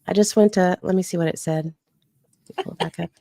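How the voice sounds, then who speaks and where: An easygoing woman co-host with a somewhat low voice chats casually and drops quick asides. Her sound is dry and close, coming through a streamed video call. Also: fairly even intonation, creaky, mellow, no room sound. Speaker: podcast co-host. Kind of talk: casual podcast chat.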